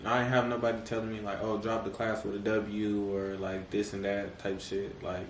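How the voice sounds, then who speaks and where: A man talks in a relaxed, slang-heavy way as a podcast guest, filling pauses with "like" and laughing easily. His voice sits at an ordinary pitch. The sound is roomy and set back from the mic, with a faint hiss behind. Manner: laid-back slang, many fillers, laughs often. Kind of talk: casual chat. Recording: echoey room, mic at a distance, faint noise.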